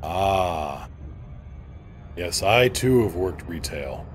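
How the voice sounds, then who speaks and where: A man's voice: low voice, expressive, very slow, a little hiss or hum. A man chatting casually with viewers on a live game stream, joking and playful as he answers them by name. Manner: joking, playful, reads viewer names aloud.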